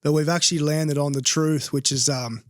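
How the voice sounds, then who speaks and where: A man's voice: fairly high pitch, fairly even intonation, normal speed, no room sound, studio quality. A male podcast host closing an interview and leading a prayer in an affirming way.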